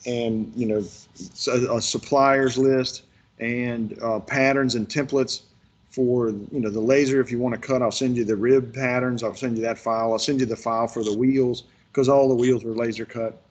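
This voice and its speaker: A man's voice: medium pitch, steady tone, normal speed, a little mellow. A man leading a workshop, telling folksy stories in a rambling way with lots of restarts. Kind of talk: casual virtual workshop instruction.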